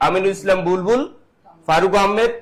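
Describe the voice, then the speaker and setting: A man's voice: high-pitched, fairly quick. A man with a Bangladeshi accent teaching an exam-prep class. He quizzes listeners and repeats questions and answers. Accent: Bangladeshi Bengali. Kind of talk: online class lecture.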